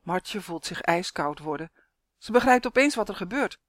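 A woman reading a children's story aloud, lively and acting out the characters. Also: fairly low pitch, moderate pace, dry recording, clean studio sound.

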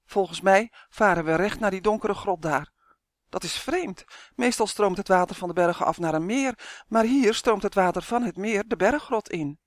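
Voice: mid-range voice, normal speed, dry recording, clean studio sound, lightly acted. A narrator voicing an earnest young boy. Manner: earnest and determined. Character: brave, practical young human boy. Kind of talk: audiobook character voice.

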